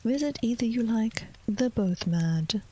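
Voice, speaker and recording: A woman whispering the part of a sly, grinning, riddling cat in a storybook reading, drawing out her words slowly. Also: fairly high pitch, expressive, warm tone, breathy edge, pitched above the performer's own voice. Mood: sly, teasing.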